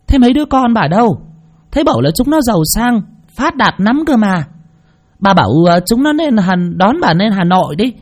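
A man voicing a bossy old village woman neighbor who shouts and scolds in a hurry. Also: high-pitched, big pitch swings, voice pushed up. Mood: shouting, fretful. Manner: shouting, fussing, hurried scolding. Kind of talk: storytelling with acted voices.

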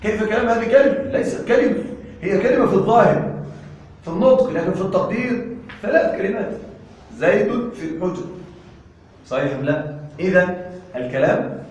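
A man with a fairly high voice gives a grammar lesson, his words ringing through a very echoey room. He talks in a lively, animated way and keeps turning to the class with questions to check that they follow. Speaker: Arabic grammar teacher. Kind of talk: classroom lecture.

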